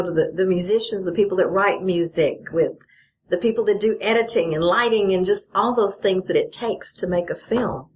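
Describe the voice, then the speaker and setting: A middle-aged woman from Texas, a festival organizer talking casually in an interview, laughing often and saying "you know" a lot. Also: medium pitch. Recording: faint background noise.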